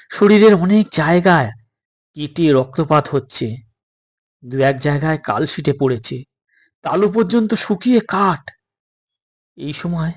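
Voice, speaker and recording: Telling a suspense tale, this fairly high-pitched male narrator is dramatic and measured. He breaks his sentences into brief phrases, pausing between each.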